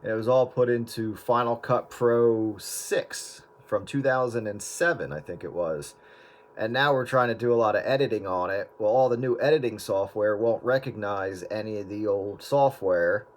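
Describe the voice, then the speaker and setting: A man from the US Northeast with a lowish voice talks at a moderate pace, casually chatting about editing old video. He's a video editor, and he rambles with lots of fillers and restarts.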